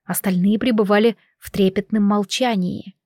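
A woman narrating an audiobook at a middle pitch. Her reading is measured and expressive. The sound is dry and close, with no room around it. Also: dry recording. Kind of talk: scripted narration.

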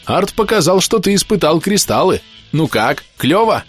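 A man voicing an eager, excited young male clan crafter in an audiobook, talking in slang. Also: sits high, moderate pace, slightly rough, faint music behind, pitched above the performer's own voice, exaggerated voice. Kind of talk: audiobook character voice.

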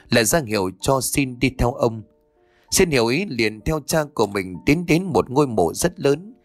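A man reading a story aloud in a measured, expressive manner, his pitch rising and falling freely. The voice is close and dry, with soft music playing faintly underneath. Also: dry recording. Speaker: audiobook narrator. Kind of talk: scripted story narration. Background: faint background music.

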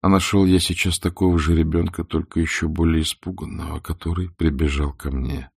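A man voicing a grieving, broken young man in an audiobook, speaking in a hushed, halting way with a husky, gravelly voice. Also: a bass voice, steady tone, dry recording, studio quality, heavily acted. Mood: lost.

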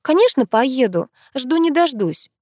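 A woman's voice: high voice, very animated, measured pace, a little mellow, no echo, studio quality, pitched above the performer's own voice, full character voice. A woman voicing a sweet, cheerful, polite young woman with a sugary manner.

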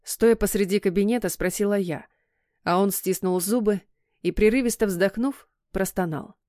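A woman's voice: mid-range voice, moderate pace, dry recording. Woman narrating a novel, dry and close. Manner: expressive storytelling. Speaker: audiobook narrator. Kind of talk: first-person audiobook narration.

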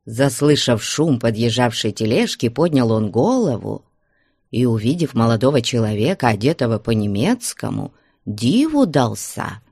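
A man narrating a classic novel in a measured, unhurried storytelling manner. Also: medium pitch, very animated, gravelly, a little mellow, husky, dry recording, studio quality. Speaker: audiobook narrator.

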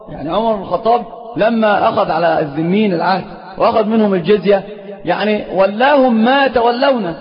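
A man with an Egyptian accent giving a religious lecture as a sheikh, emphatic and stressing key points forcefully. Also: high-pitched. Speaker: sheikh teaching a religious lesson. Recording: lo-fi recording in an echoey hall.

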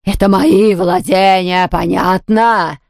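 A woman voicing a huge, cruel female ghost baroness who hisses her words slowly and menacingly. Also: medium pitch, fairly even intonation, creaky, darkish tone, no room sound, studio quality. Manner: hissing, slow and drawn out.

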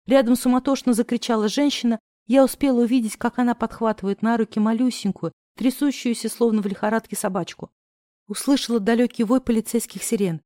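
A woman narrating a novel in the first person, expressive and acting out the other characters' lines. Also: on the high side, no room sound, clean studio sound. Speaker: audiobook narrator.

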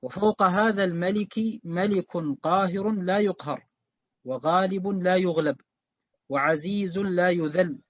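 A man reading a classical text aloud in a lesson, in a measured, formal recitation. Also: high-pitched, no echo. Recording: dry, dull lo-fi recording.

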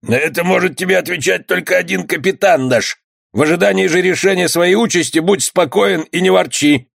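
A man voicing a gruff, threatening one-eyed male pirate in a read-aloud story. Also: sits high, brisk, fairly bright tone, no echo, studio quality, voice pushed up, full character voice. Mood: menacing. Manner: threatening, sneering.

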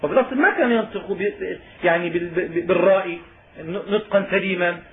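A man's voice: high-pitched, a little fast. A man teaching Islamic law, reading lines from a text and then explaining each one in plain speech, with emphasis on key words. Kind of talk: explaining a legal text in a lesson. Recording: tinny phone-like sound with faint noise.

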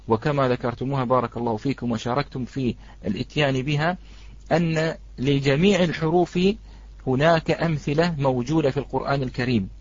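A man teaching a Quran recitation lesson, patiently repeating his points and slowly reciting examples. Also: mid-range voice, no room sound. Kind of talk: online tajweed lesson. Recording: dry, slightly dull.

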